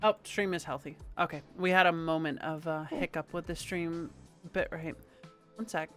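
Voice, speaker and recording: A woman's voice: sits low, moderate pace, soft background music. A young adult woman hosting a casual chat stream, laughing often and swearing freely. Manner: laughs often, loose and profane. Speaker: vtuber streamer host.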